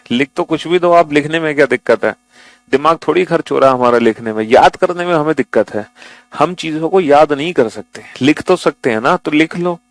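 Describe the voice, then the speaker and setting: A man's voice: a little high, no room sound. A male teacher giving a coaching-class lecture in a patient way, repeating and spelling out letters and calling the students "beta".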